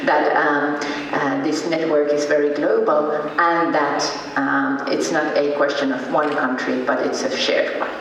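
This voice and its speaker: A man's voice: a little high, a bit bright, a little hiss or hum. Finnish male presenter, hesitant delivery, far mic, heavy hall echo. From Finland. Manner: hesitant, many ums and uhs. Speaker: conference speaker. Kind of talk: conference presentation. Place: large conference hall.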